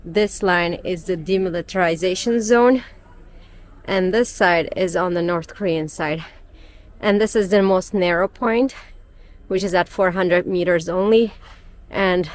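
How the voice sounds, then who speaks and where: Slight background noise accompanies a young woman's mid-range voice as she records a travel vlog during a chilly outdoor guided tour. Talking casually to the camera, she explains things in a chatty manner, peppered with frequent ums.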